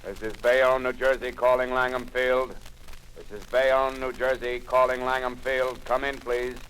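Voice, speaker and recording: Man voicing a radio operator, flat monotone calling, 1930s radio drama. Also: medium pitch, a little slow, a little hiss or hum, lightly acted, poor audio. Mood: steady.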